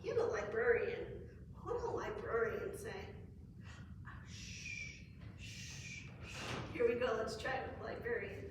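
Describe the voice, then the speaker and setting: A woman's voice: fairly high pitch, big pitch swings, a little fast. A woman leading a story time as a children's librarian, talking to toddlers with encouragement and simple questions. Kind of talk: interactive nursery rhyme and song session for toddlers. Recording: very echoey room, distant mic, noisy.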